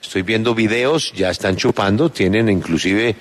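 A man's voice: lowish voice, moderate pace. A man hosting a morning show, handing off to a reporter in a playful, teasing way. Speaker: radio show host. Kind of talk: lively morning show banter.

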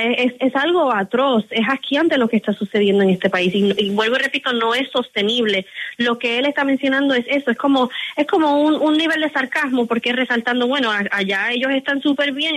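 A woman's voice: fairly high pitch, fairly bright tone, rough recording. A Puerto Rican woman in her twenties, a campaign guest answering interview questions in an emphatic, insistent way and often repeating words. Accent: Puerto Rican Spanish. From Puerto Rico.

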